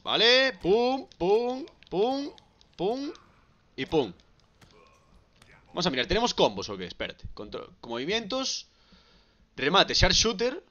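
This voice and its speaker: A man with a Galician Spanish accent streams himself playing a wrestling game. His pitch is fairly high and swings widely as he shouts and rattles off repeated words. The audio is dull and lo-fi. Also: wildly swooping pitch, normal speed, pauses often. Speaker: gaming streamer. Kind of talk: live gameplay commentary.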